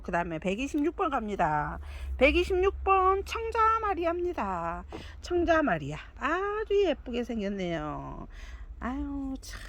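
Brief: woman, somewhat high and very lively voice, cheerful seller fussing over each plant and listing prices. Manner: chatty, doting, calls plants "아이"; counts off lot numbers and prices. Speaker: succulent seller. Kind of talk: live sales presentation.

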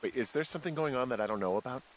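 A man's voice: medium pitch, expressive, very fast, low-quality recording. A man voicing a guarded, terse fire lookout in a video game. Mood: suspicious. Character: guarded male fire lookout, low-key. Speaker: game character.

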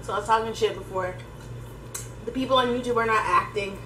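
An echoey kitchen recording with clinking dishes behind the voice. A young woman with a fairly high voice chats casually to viewers while her mouth burns from spicy food. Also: a little fast, bright, forceful tone. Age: young adult. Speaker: video host. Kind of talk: casual chat during eating challenge. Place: home kitchen. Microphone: camera across the table. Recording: echoey kitchen, noisy, dish clatter.

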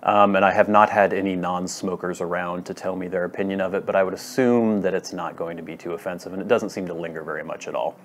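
A man with a deep-set, low voice talks casually to camera as a reviewer. His delivery is measured and deliberate, often breaking into short, itemised phrases. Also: steady tone, slight background noise. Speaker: pipe tobacco reviewer. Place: wood-floored room at home, indoors.

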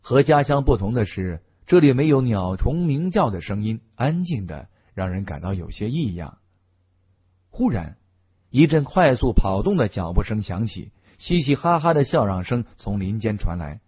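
A man narrating a novel as an audiobook in an expressive, scripted delivery. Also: medium pitch, normal speed, slightly rough. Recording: dull lo-fi audio.

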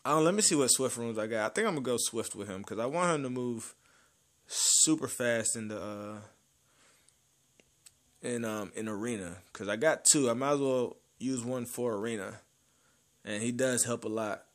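A young man giving casual gameplay commentary, excitable, swinging from loud cheers to low grumbling. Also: moderate pace. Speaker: gaming channel host.

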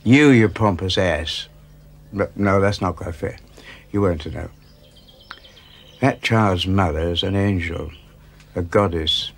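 Dry sardonic worldly guy, very deep gravelly voice, kept hushed. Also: a little slow, pauses often, exaggerated voice. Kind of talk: period TV drama acting.

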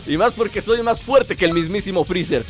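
A man commentating his gameplay, joking and taunting enemies in mock-villain fashion, shouting during fights. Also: sits high, animated, normal speed, soft background music. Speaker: gameplay streamer.

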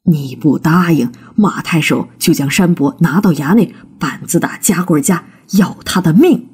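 Brief: a woman playing an angry old storybook father, low, slow and scolding, with a husky dark tone. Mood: stern, angry. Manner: harsh, scolding.

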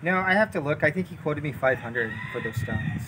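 A homeowner in his thirties shows off his building project, an unfinished block structure by the sea, chatting in a relaxed, informal way. His voice is a little high, animated and slightly fast. The camera sits a couple of metres away, and the outdoor recording is noisy with ambient background sound.

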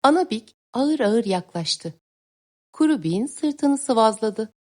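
A woman teacher reading a story aloud to young pupils in a clear, expressive way. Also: a little high, slow. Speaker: teacher reading a listening text. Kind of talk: children's story narration.

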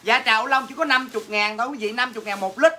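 A woman's voice: on the high side, very fast, bright, forceful tone, a little hiss or hum. A woman with a Southern Vietnamese accent hosts a casual livestream sale, teasing viewers with brash, crude jokes as she answers comments. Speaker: livestream host selling goods. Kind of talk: casual livestream sales chat.

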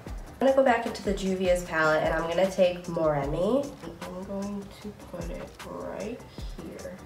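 A makeup vlogger in her late twenties chats casually through a tutorial, narrating each step in a friendly way. Her voice is fairly low and gravelly at a normal speed, recorded in an echoey room with faint music in the background.

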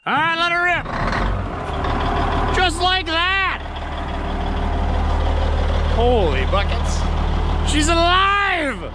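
A man's voice: extremely high pitch, very animated, drawn-out words, long pauses. A man giving playful, joking commentary while fixing an old truck on a snowy farm yard, filmed on an action camera. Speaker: mechanic vlogger. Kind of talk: casual narration while working. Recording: loud engine and wind noise.

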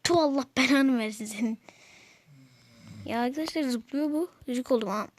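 A woman's voice: sits high, moderate pace. A woman giving casual gameplay commentary to her followers, grumbling and exasperated at the game. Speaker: gameplay video maker.

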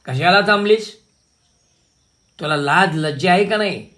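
A drunken middle-aged husband berates his wife in a harsh, scolding, insulting voice, as a male storyteller puts him on. He sits a little higher than an ordinary man's voice and speaks in slow, heavy lines. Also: expressive, sharp tone, exaggerated voice. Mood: scornful, berating.

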